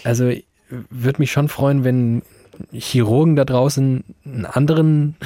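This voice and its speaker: A man's voice: medium pitch, fairly even intonation, unhurried, dark tone. A man co-hosting a podcast in a studio, teasing his partner with dry, mock-lecturing remarks in casual banter. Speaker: podcast co-host.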